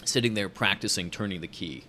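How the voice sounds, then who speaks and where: A man's voice: lowish voice, a little fast, pushed and bright, a little hiss or hum. A man co-hosting a casual chat, reading news headlines aloud and adding wry joking asides.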